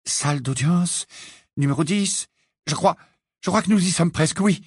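A man voicing a kindly, excitable middle-aged wizard who stammers and hurries. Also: on the high side, moderate pace, breathy edge, no room sound, studio quality, voice pushed up. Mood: flustered.

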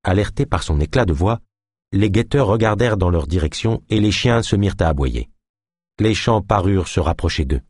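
A man narrating an audiobook in expressive scripted storytelling. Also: low voice, moderate pace, slightly rough, no room sound, clean studio sound.

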